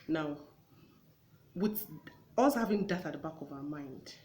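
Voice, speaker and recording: A woman's voice: deep voice, expressive, measured pace, darkish tone, a little hiss or hum. Earnest woman talk-show host. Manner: earnest, advising, acts out everyday exchanges. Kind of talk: conversational talk show discussion.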